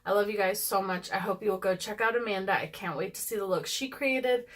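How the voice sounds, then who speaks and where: A woman's voice: medium pitch, fairly quick. A woman talking casually and candidly to her viewers as she reviews makeup products, with frequent ums and asides. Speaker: beauty vlogger.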